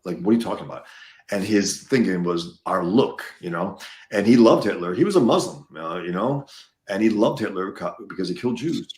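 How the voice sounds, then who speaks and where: A man's voice: sits low, expressive, brisk, a little mellow, roomy sound. A man from the United States, a guest in a casual conversation, talking emphatically and repeating words as he gets worked up.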